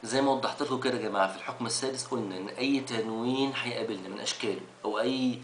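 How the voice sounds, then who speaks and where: A man teaching Quran recitation rules, rushing through recaps and stretching out the recited verses slowly. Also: medium pitch, echoey room. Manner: quick recaps broken by slow drawn-out recitation of verses. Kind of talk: tajweed lesson recap.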